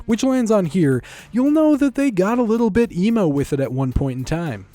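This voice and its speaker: A man's voice: high-pitched, warm tone, dry recording. A man narrating a scripted music review in a wry, opinionated tone.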